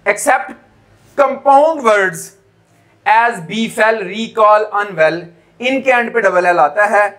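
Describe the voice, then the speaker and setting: Man, spelling teacher, bilingual lesson, repeats each rule, high pitch. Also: fairly bright tone. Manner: explanatory, repeats rules and asks "right?" to check understanding. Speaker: English teacher. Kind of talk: spelling-rules lesson mixing Hindi and English.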